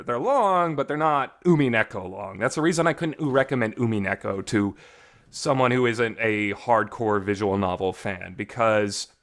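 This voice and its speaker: Reviewing visual novels as host, a man speaks in a lowish, fairly bright voice, rambling casually with emphatic enthusiasm and frequently starting his sentences over. His homemade recording has noticeable reverb.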